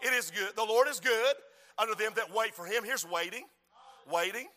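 A man preaching a sermon with rhythmic repetition, moving from quiet talk to shouting. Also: high voice, moderate pace, in a large hall. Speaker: preacher and school principal.

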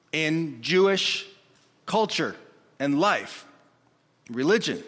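A man preaching a sermon in an animated way, acting out the voices of the people in his story. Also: fairly high pitch. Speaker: pastor. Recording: long reverb of a hall.

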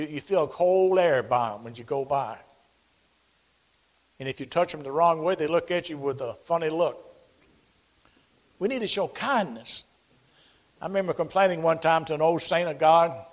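A man's voice: on the high side, normal speed, pauses often. A man in his forties preaching an earnest, folksy sermon, quoting scripture and telling plain stories. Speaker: pastor.

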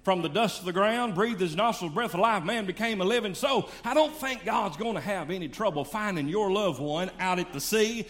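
A man's voice: high-pitched, lively intonation, normal speed, hardly any pauses, fairly bright tone. An older man preaching a sermon in a fervent, folksy way.

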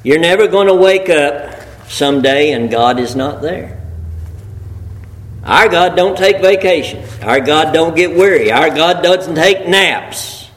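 A male preacher delivers a sermon with a folksy, emphatic manner, stacking repeated phrases into rhetorical lists. His voice sits a bit high and rises and falls with a great deal of animation. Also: lively intonation, measured pace, a bit bright, poor audio.

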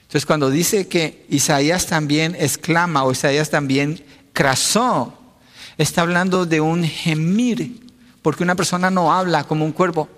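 A man's voice: a little high, fairly even intonation, measured pace, fairly bright tone. A man preaching a teaching sermon, asking rhetorical questions and answering them himself. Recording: long reverb of a large hall.

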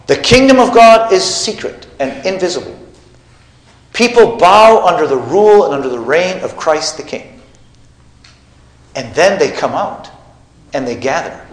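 A man preaches to his congregation, building emphasis and rising in volume on key points. His voice sits a little high. The room around him is echoey, like a church sanctuary. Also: expressive, unhurried, pauses often. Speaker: pastor. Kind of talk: sermon.

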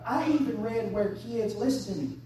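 A woman, preaching an impassioned sermon that swings between hushed and shouted. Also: on the high side, expressive, moderate pace, a little hiss or hum. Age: 30s. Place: church sanctuary. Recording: echoey church from far off.

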